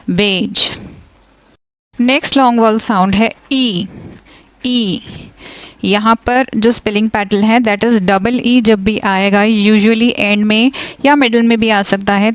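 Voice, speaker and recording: A woman teaches phonics, moving between quick explanations and slow, drawn-out example words. Her voice is smooth and clear and sits slightly high. The sound is dry and close, with no room around it. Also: no echo. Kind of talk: explaining a lesson, mixing Hindi and English.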